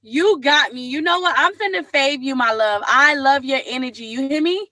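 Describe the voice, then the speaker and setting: A woman's voice: sits high, animated, fairly quick, sharp tone, no echo. A woman hosting a casual livestream chat, laughing often and calling viewers "my love". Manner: laughs often, affectionate, calls people "my love". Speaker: livestream host.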